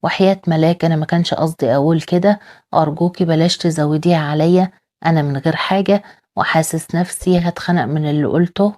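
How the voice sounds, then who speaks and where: A woman's voice: sits low, fairly even intonation, quick pace, warm tone, natural voice. A woman reading an angry proud father. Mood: pleading. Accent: Egyptian Arabic.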